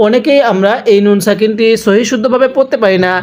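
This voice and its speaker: Smooth-voiced man teaching slow recitation. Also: sits high, darkish tone. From Bangladesh. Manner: drags out syllables slowly in recitation, then explains briskly; asks and answers his own questions. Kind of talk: step-by-step recitation lesson.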